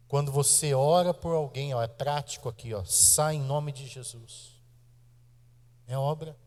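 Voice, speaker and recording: Brazilian pastor preaching in a reverberant church. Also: male voice, medium pitch, a little mellow. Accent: Brazilian Portuguese. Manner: emphatic preaching with shifts of pace, direct address to the congregation. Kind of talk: sermon. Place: church sanctuary.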